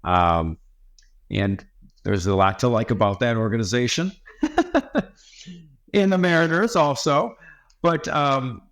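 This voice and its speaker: A man in his forties co-hosting a podcast, relaxed and self-deprecating. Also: medium pitch, slow, long pauses. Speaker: podcast co-host and tax firm owner. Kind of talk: casual podcast chat.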